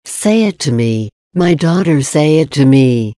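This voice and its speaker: A woman reading the part of a tender heavenly mother, the queen of heaven, in a slow, solemn devotional reading. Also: sits low, animated, warm tone, dry recording, studio quality.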